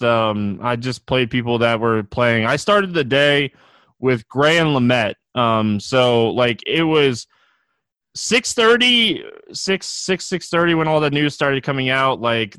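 A man hosting a sports podcast, chatting casually and haltingly, often repeating words as he thinks aloud. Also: mid-range voice, pushed and bright, no room sound. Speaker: fantasy sports podcast host.

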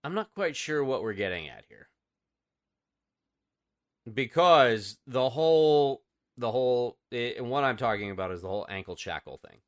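A man's voice: mid-range voice, animated, normal speed. A man co-hosting a casual podcast, picking things apart in an emphatic, questioning way. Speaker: podcast co-host.

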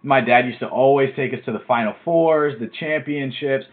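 A man hosts a casual podcast in a loose, chatty way, and he fires up quickly. His voice sits at an ordinary middle pitch. The sound is thin and tinny, like a phone line. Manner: excitable, chatty, easily fired up. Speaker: podcast host.

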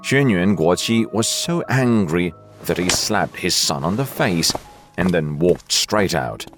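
A man narrating a story in a slow, expressive reading voice. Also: low voice, music in the background.

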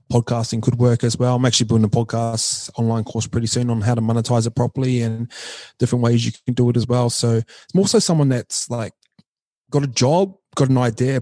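A man's voice: mid-range voice, warm tone, dry recording. A man from New Zealand with a broad Kiwi accent, chatting casually and slangily as a podcast guest. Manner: slangy, informal, frequent "bro" and "man". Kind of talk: casual interview chat.

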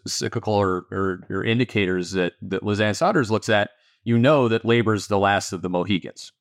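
Emphatic Canadian man, low voice. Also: dry recording, studio quality. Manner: animated, emphatic, sarcastic asides. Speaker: guest, investment firm founder. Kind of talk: interview answers.

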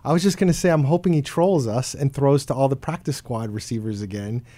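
A man's voice: medium pitch, a little fast, dark tone. A man co-hosting a casual sports podcast, making dry, wry remarks. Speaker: podcast co-host.

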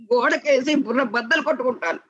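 A man voicing a stubborn schoolboy who cries and shouts that he will not leave school, in a muffled lo-fi recording. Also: very high voice, a little fast, voice pushed up. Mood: shouting. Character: a boy, tearful and stubborn, desperate to stay in school.

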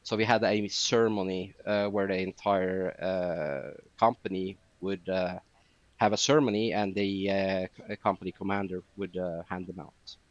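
Low-voiced man telling war reenactment stories. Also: fairly even intonation, normal speed, no echo, highs cut off. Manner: rambling storytelling with frequent fillers. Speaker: podcast guest, reenactor. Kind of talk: casual podcast chat.

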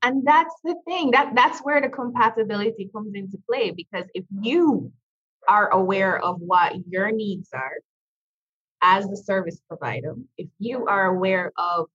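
This Jamaican woman, a business coach appearing as a podcast guest, has an uptown Jamaican accent tinged with American Southern. Her mid-range voice is animated, a bit bright and slightly rough at a moderate pace, and she laughs easily and repeats phrases for emphasis in casual conversation. The recording has a dull lo-fi sound.

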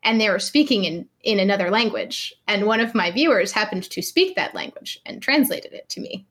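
A woman speaking in a measured, thoughtful way in a candid conversation, often trailing off softly. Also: mid-range voice, animated.

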